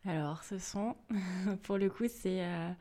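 A woman's voice: fairly low pitch, takes it slowly, warm tone. A woman hosting a podcast discussion who talks in a chatty, informal way. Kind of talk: casual discussion.

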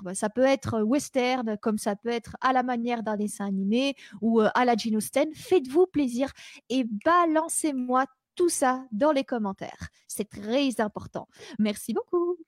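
Higher-voiced woman hosting improv comedy. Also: darkish tone, dry recording, studio quality. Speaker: host of an improv comedy show. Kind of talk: casual live-stream presenting.

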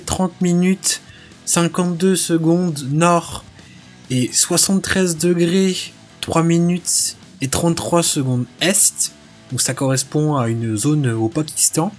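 A man on a casual podcast presenting a tech news item, explaining it with frequent halts and restarts. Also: on the high side. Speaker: podcast co-host.

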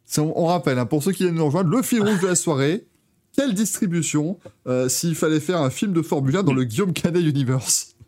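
A man's voice: a little high, a little fast, darkish tone. Young man, podcast host, casual chat, jokey, laughing asides.

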